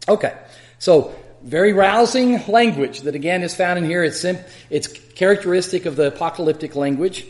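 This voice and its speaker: A man with a West Texas accent teaching the Bible in an expository style, measured and emphatic. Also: sits high.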